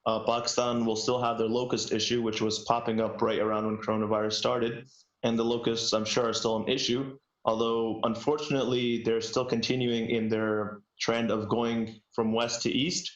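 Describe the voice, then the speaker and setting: A man's voice: mid-range voice, flat delivery, normal speed. A man on a podcast panel giving a loose, conversational answer. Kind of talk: casual unscripted discussion. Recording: roomy, dull lo-fi sound.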